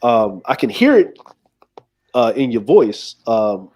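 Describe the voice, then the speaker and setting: A man's voice: mid-range voice, big pitch swings, slow pace, darkish tone. A man hosting a livestream, chatting casually in a rambling, easygoing way with many fillers. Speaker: livestream host.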